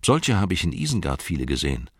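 A cool, cheeky hobbit, as a male narrator puts him on in a storybook reading, firm and mockingly polite, a little above the reader's usual low voice. The recording is dry. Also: very animated, quick pace, husky, no echo, full character voice.

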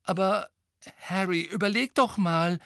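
A man voicing an anxious, clever teenage schoolgirl who pleads and argues in a high, fretful voice. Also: unhurried, fairly bright tone, dry recording, studio quality. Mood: worried.

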